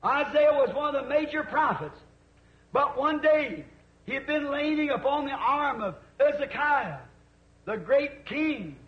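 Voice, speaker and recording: A man's voice: very high voice, expressive, slow. A man preaching fervently, rising at times to cries, on an old sermon recording. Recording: echoey dull archive tape.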